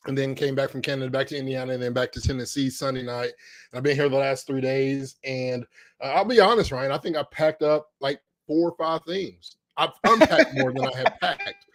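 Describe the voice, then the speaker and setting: A middle-aged man co-hosts a podcast from a home corner on a podcast mic, upbeat and casual. His mid-range voice runs a little fast with no echo, packed with fillers and restarts.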